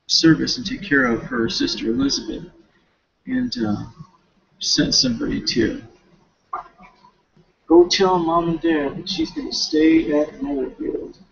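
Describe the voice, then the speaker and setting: A little high yet gravelly and slightly rough, a man's voice recaps a novel he has to write a class paper on. He rambles casually, half to himself, in halting slang with frequent self-corrections, captured on a dull home recording.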